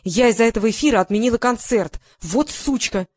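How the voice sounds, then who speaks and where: A woman's voice: fairly high pitch, expressive, fairly quick, a little mellow, no echo. A woman voicing an indignant young female pop singer who snaps sharply.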